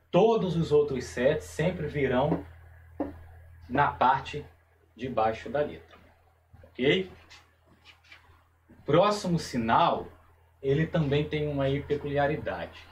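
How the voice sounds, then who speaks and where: A man giving a Hebrew lesson on video, slowly and carefully, repeating each term as he explains it. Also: on the high side, expressive, far from the mic, a little hiss or hum, rough recording. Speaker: Hebrew teacher.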